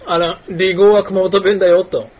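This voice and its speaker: A man's voice: high-pitched, level tone, normal speed, darkish tone. A man from hosts a podcast, chatting casually and explaining things with examples. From Kumamoto, Japan. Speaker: podcast host. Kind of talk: casual chat. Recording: dull lo-fi sound with faint noise.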